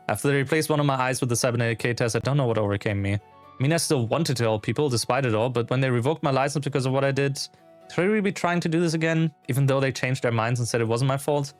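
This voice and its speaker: A man's voice: medium pitch, fast, faint music behind, close to an everyday voice. A man voicing a weary, self-doubting lizard doctor in a game, brooding and hesitant.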